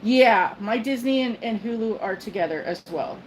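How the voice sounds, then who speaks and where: A woman's voice: on the high side, expressive, moderate pace, slight background noise, rough recording. Chatty older woman rambling on a livestream. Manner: rambling, chatty, self-interrupting with fillers and laughs. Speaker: livestream host. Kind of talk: casual chat. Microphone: phone.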